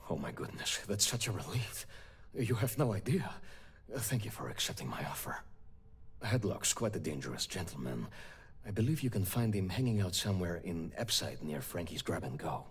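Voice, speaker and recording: A very low, heavily husky gentleman merchant for a video game. He is haughty yet polite, selling luxury goods with formal courtesy and lively swings of pitch. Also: moderate pace, exaggerated voice. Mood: relieved, courteous. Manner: formal, genteel salesman's courtesy. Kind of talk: video game character dialogue.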